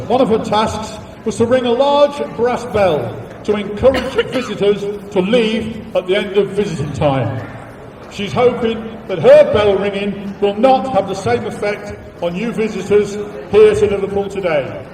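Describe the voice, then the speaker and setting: A man's voice: high-pitched, a little mellow. A man acting as master of ceremonies, announcing contestants to an audience at a live event. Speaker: competition host, master of ceremonies. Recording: echoey, noisy hall, far from mic.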